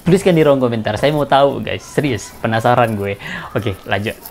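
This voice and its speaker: A man's voice: mid-range voice, moderate pace, gravelly, faint music behind. A man who speaks Indonesian as a foreign learner, hosting a casual reaction video and often addressing his viewers.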